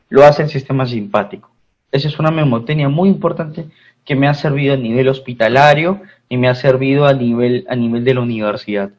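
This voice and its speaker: A man's voice: fairly high pitch, a little mellow, dull audio. A man with a Peruvian Spanish accent teaching a pharmacy class, repeating his phrases and checking in with students. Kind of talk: online class lecture.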